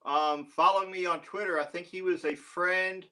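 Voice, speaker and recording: A man's voice: high voice, fairly even intonation, normal speed, a crowd in the background. A man guesting on a podcast as a musician and reviewer, talking in an easygoing way with frequent laughs. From Florida, USA. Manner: easygoing, laughs often, short agreeing replies. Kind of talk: casual podcast chat.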